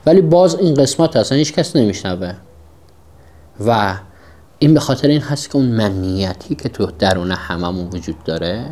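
Lowish-voiced man teaching earnestly. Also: animated, a little mellow. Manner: repetitive, emphatic, asks himself rhetorical questions. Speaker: self-development teacher. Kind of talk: teaching podcast monologue.

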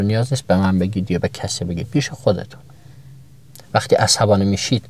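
A man's voice: lowish voice, darkish tone. A man giving a motivational self-knowledge talk to his listeners, asking many rhetorical questions and stacking up examples, his voice often jumping upward for emphasis.

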